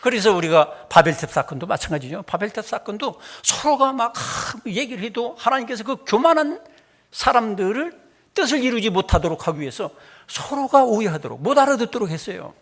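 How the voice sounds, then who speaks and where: A man's voice: high-pitched, fairly quick. A middle-aged male pastor delivering a sermon, telling humorous stories and acting out quoted dialogue. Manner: animated, humorous storytelling with acted dialect quotes.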